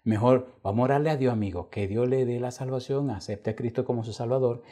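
Talking fast with fairly even intonation, this medium-pitched male pastor acts out the voices of characters in a sermon story. His delivery is dramatic, moving between loud and hushed quoted lines.

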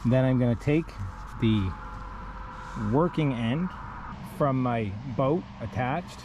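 A man's voice: mid-range voice, slow pace, background noise. Methodical man demonstrating rope rigging outdoors. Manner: plain, methodical, talks while rigging by hand. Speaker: kayak rescue instructor. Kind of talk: step-by-step instructional demo. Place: outdoors on a rocky riverbank. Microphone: wearable camera on body.

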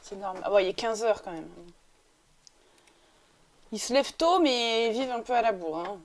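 Her voice a little high and animated, a woman narrates her game at a moderate pace, chatting to and coaxing the characters between occasional sniffles. Slight background noise is audible.

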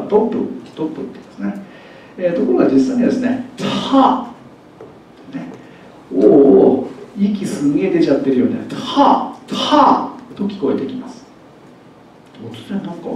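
Animated man lecturing in an echoey hall. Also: fairly high pitch, slight background noise. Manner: jokey, animated, demonstrates pronunciations aloud. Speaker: university lecturer. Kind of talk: faculty development lecture. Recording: echoey hall, distant mic, dull.

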